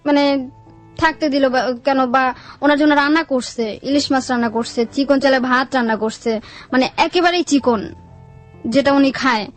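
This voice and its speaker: As a guest in an interview, a young woman recounts her life in a casual, straightforward way, her Bangladeshi Bengali accent clear. She talks at a normal speed in a high-pitched voice over faint background music.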